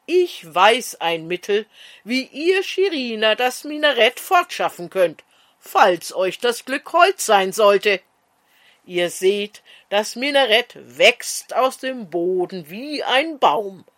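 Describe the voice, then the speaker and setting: A woman storyteller voicing a wise trickster man who calmly hands out clever advice. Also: on the high side, slow pace, heavily acted. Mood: sly advice.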